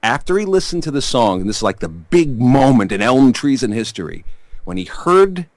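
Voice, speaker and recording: A man with a New York accent telling stories in a casual interview, rambling and chatty with frequent pauses and restarts. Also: medium pitch, big pitch swings, darkish tone, no room sound. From Staten Island, New York. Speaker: musician guest.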